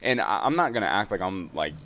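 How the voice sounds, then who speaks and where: A young man chatting casually over gameplay, giving fitness and nutrition advice in an energetic voice-over. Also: low voice, fast talker.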